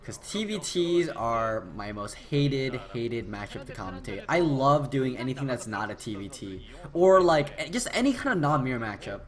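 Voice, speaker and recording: A man giving casual, rambling play-by-play commentary on a video game match by himself. He swears freely, bursts into excited yelling, and his voice sounds tired and his throat dry. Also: mid-range voice, moderate pace. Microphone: new desktop microphone.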